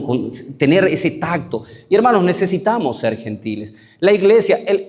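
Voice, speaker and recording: A man's voice: fairly high pitch, darkish tone. A man with a Paraguayan Spanish accent, a pastor preaching a conversational sermon full of rhetorical questions.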